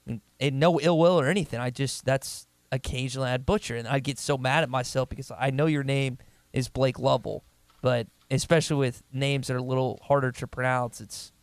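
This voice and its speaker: A man's voice: mid-range voice, steady tone, a little fast, no echo. A man co-hosting a sports radio show, chatty and self-deprecating in casual talk.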